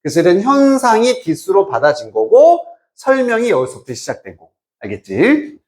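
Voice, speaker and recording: The speaker is a male English teacher whose animated, fairly high voice keeps swooping up and down as he explains an exam passage. It's an informal lecture peppered with English phrases and a steady stream of quick questions checking the students' comprehension.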